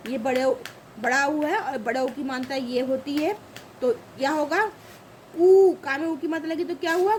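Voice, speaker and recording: A woman's voice: high-pitched, slight background noise, low-quality recording. A woman teaching a grammar lesson, saying each example word twice and asking the class questions. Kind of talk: slow spoken lesson.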